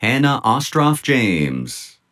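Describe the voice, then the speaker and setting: A man announcing graduates' names at an outdoor commencement ceremony, in a measured, deliberate manner. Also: mid-range voice, very animated, fairly bright tone. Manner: measured, deliberate name-reading. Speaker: commencement name reader. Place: outdoor tent stage at a graduation.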